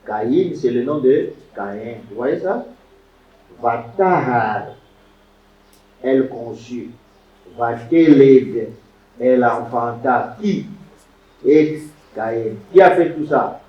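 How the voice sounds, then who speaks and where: A man's voice: medium pitch, expressive, slow pace. Man teaching Hebrew in an echoey classroom. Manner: repeats words, quizzes the class. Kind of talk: classroom lecture. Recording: roomy, distant, dull lo-fi classroom recording.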